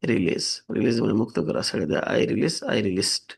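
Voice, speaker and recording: A man's voice: lowish voice, fairly quick, creaky, slightly rough. A man teaching English vocabulary, steadily reading verb forms and their meanings. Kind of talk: vocabulary lesson, reading word lists with translations.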